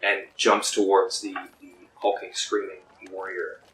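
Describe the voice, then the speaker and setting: A man narrates a tabletop roleplaying session, pacing out the scene with small pauses and fillers. His voice sits a bit low but sounds bright and forward. The room is echoey, with a faint hiss under it. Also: little pitch movement, far from the mic. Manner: descriptive, unhurried with frequent ums. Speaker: game master.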